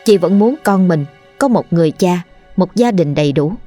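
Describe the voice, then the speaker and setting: A woman tells a ghost story in a low, unhurried voice, lingering sorrowfully over the words. Faint music plays behind her. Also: animated, mellow.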